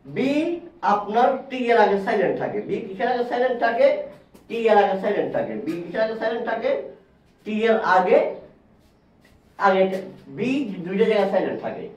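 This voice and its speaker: A man teaching an English lesson at a whiteboard. He repeats words slowly and asks questions. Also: sits high, expressive. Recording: distant, echoey, dull classroom sound.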